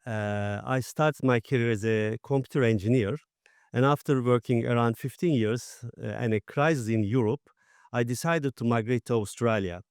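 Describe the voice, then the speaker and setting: A man's voice: medium pitch, normal speed, a little mellow, smooth, dry recording, clean studio sound. A middle-aged man from Turkey with a Turkish accent, speaking plainly in slightly broken English as a panel guest. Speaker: panel guest, former IT executive. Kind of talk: conference panel talk.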